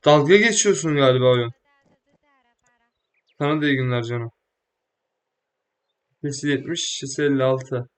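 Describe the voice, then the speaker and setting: Excitable young man doing game commentary. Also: mid-range voice, moderate pace, pauses often. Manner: joking, excitable, slangy, talks to the game. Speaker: gaming YouTuber. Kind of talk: casual let's-play commentary.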